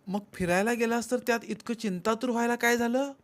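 A man's voice: very high-pitched, fairly even intonation, a little fast, voice pushed up. A man reading an audiobook and voicing a young pregnant wife who questions and reproaches her husband. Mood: curious. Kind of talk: audiobook character voice.

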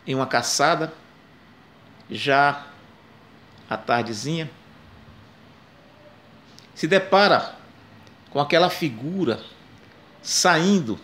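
An older Brazilian man telling a jungle legend in a slow, dramatic way, with long pauses and rising emphasis, recorded close on a phone in a small room. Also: on the high side. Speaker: storyteller. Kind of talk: oral storytelling of a legend. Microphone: phone camera close to face.

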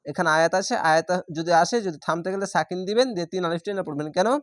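Quran teacher spelling out each syllable then chanting the word slow, dry sound, no room echo. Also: mid-range voice. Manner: calm instructive explanations between recited words. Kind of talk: step-by-step recitation lesson.

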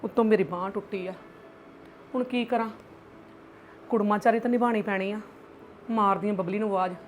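A woman's voice: medium pitch, fairly even intonation, brisk, a little hiss or hum, natural voice. A middle-aged woman playing an aggrieved mother-in-law in a family drama skit, lamenting and scolding dramatically. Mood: weary lamenting.

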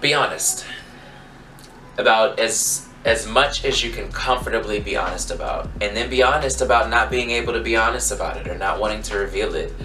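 A man in his twenties from Maryland, giving frank, reflective interview answers that turn animated when he argues a point. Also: fairly low pitch, brisk. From Maryland, USA. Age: 20s. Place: room with yellow backdrop. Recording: echoey room, distant mic, faint music.

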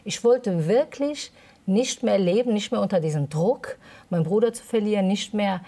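A woman's voice: medium pitch, moderate pace, dark tone. A woman giving a personal testimony in an interview, hesitant and emotional, with many fillers. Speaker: interview guest.

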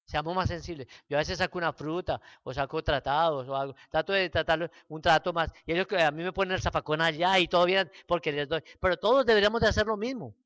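A Puerto Rican man leading a church Bible study, telling stories lively with acted-out quotes and rhetorical questions. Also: fairly high pitch, fast talker, few pauses, dry recording. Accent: Puerto Rican Spanish. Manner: lively storytelling, acts out quotes, rhetorical asides. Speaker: Bible class teacher.

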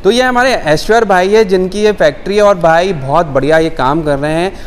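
A man's voice: sits high, fairly quick, long reverb tail, slight background noise. A young man hosting a promotional vlog, upbeat and salesy, talking to viewers as friends in a large warehouse. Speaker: vlogger host.

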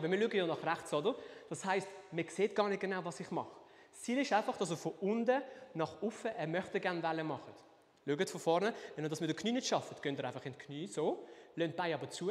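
A man's voice: high-pitched, long reverb tail. A young man teaching a live online dance class, counting beats aloud and scatting the rhythm as he demonstrates. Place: dance studio.

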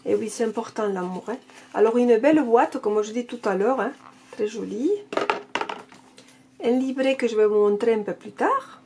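A woman's voice: on the high side, normal speed, darkish tone, a little hiss or hum. A woman with a non-native French accent chatting casually as she unboxes and reviews an oracle card deck. She gushes and keeps repeating her praise.

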